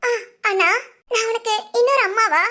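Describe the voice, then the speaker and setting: A woman acts out a playful young married sister in an animated village story. The voice sits very high and sounds bright and sharp. She teases her brother and giggles her way through every line. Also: normal speed. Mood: teasing. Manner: giggly, wheedling, teasing. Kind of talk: cartoon voice acting.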